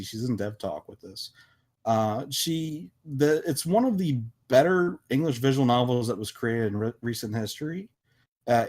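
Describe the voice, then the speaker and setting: A man with a medium-pitched, slightly mellow voice talks casually as a podcast panelist. He develops visual novels and makes his points emphatically, often restarting his sentences.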